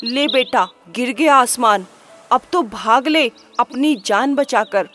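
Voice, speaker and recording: A woman voicing a jumpy male rabbit from a children's storybook, shouting in frantic alarm. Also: fairly high pitch, slow, noisy background. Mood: panicky. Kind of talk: storybook character voice.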